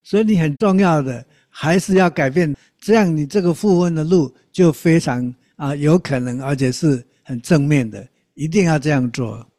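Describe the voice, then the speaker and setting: Emphatic man with a highish voice. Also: moderate pace, few pauses, warm tone, dry recording, clean studio sound. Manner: emphatic, persuasive.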